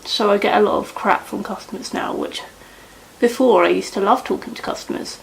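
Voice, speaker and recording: A woman's voice: medium pitch, brisk, creaky, slight background noise, poor audio. A young woman chatting casually in a rambling way while doing her makeup at home, with lots of fillers. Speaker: beauty vlogger.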